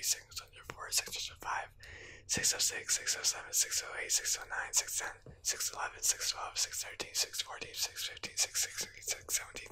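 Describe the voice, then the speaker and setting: Young man counting under his breath, sharp whisper. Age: young adult. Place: living room at home, indoors.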